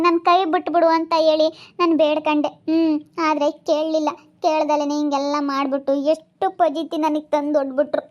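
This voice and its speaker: A high, flat-toned young woman, voiced by an actress, begs and repeats herself. She speaks with a steady, narrow pitch, and the home-made drama recording sounds dull and lo-fi. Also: lightly acted. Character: distressed young woman pleading to be trusted.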